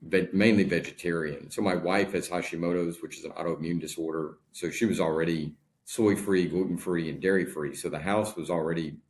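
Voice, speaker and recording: Very deep-voiced man in his forties. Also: steady tone, fairly quick, few pauses. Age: 40s. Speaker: podcast guest. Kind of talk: casual interview talk.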